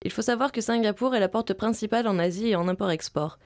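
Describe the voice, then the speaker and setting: A young Vietnamese woman, a native speaker of Vietnamese and a visiting film student, narrates her personal video diary. She tells it in the first person, calm and reflective, in a fast, mid-range voice.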